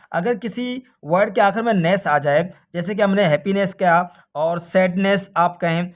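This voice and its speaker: A man teaching a recorded grammar lesson for an exam, asking questions and answering them himself. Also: high-pitched. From Pakistan. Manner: often ends points with a check-in "okay".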